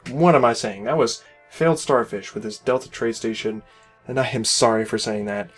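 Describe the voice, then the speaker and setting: A tired man whose voice is giving out rambles through casual gameplay commentary, reviewing a player-built space station in a way that's critical yet encouraging. His mid-range voice moves at a normal speed over soft background music, full of "you know" and "uh."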